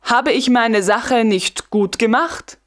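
A woman reading the lines of a smug, carefree young male guard lieutenant in an audiobook, calm and teasing. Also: very high voice, takes it slowly, heavily acted. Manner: calm, self-satisfied, teasing. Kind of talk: audiobook dialogue.

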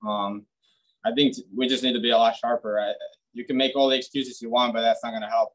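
In a post-game video interview in an indoor team media room with a press backdrop, a young hockey player answers reporters bluntly and plainly, often restarting his sentences. His medium-pitched voice is flat and brisk, and the recording quality is low.

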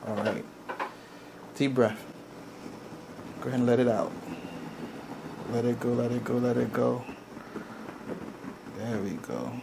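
Speaking softly and calmly, a middle-aged chiropractor guides a client through treatment with short, repeated cues, slowly and with frequent pauses. His mid-range voice carries a lot of vocal fry. The small indoor treatment room adds noticeable background noise.

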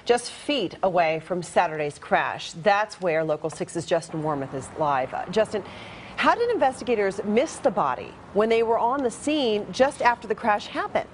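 A female news anchor with a middle-pitched voice, reading the evening news in a polished, even way. Faint room sound sits underneath. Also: moderate pace, slight background noise.

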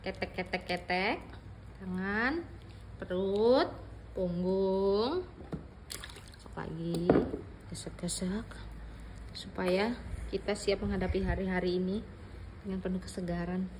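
A woman's voice: medium pitch, slow, pauses often, darkish tone, slight background noise, low-quality recording. A mother in a playful vlog, coaxing her baby in a sing-song, urging way. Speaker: mother, vlogger.

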